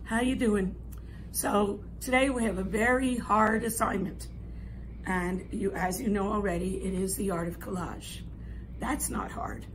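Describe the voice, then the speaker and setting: In an indoor art classroom, a woman in her sixties explains an assignment, her hoarse, raspy voice sometimes thinning to a near whisper. She's instructive and emphatic, keeps a medium pitch, a steady tone and a measured pace, and checks understanding with "okay?". A camera a few metres away captures her in low quality with clear room noise.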